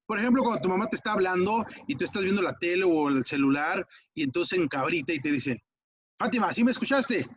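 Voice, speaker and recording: A man's voice: high-pitched, fast talker, hardly any pauses, lo-fi sound, crowd noise. A man with a Mexican Spanish accent explaining an exam-prep lesson in a casual, chatty way, checking often that the student follows. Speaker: teacher.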